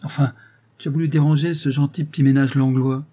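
A man voicing an aging, loyal female servant with a cracked, tired voice, speaking slowly with halting pauses. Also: mid-range voice, mellow, breathy edge, pitched above the performer's own voice, lightly acted. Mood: weary scolding.

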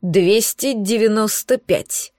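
A woman's voice: mid-range voice, sing-song, normal speed, no room sound, studio quality, lightly acted. A woman voicing a tiny tentacled sea creature that haggles in a whiny, indignant way. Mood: haggling. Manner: whiny, bargaining.

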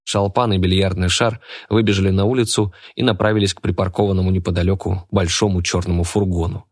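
Low-voiced male audiobook narrator. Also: little pitch movement, quick pace, no echo, clean studio sound.

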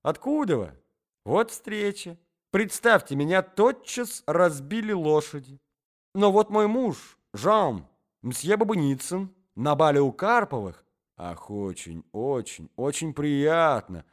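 A man voicing a flustered, flirtatious society lady who gushes in breathless, shrill exclamations. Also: big pitch swings, moderate pace, darkish tone. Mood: gushing.

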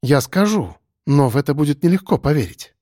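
A man's voice: on the high side, very animated, brisk, dark tone, no room sound, clean studio sound. A man doing a firm, decisive woman. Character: resolute young woman.

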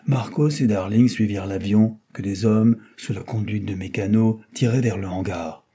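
A man narrating a novel in an audiobook, in a measured, even storytelling manner. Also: fairly low pitch, slightly rough. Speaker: audiobook reader.

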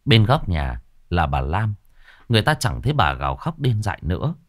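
A man narrating a ghost story in a slow, somber way. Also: sits low, very animated. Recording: faint music behind the voice.

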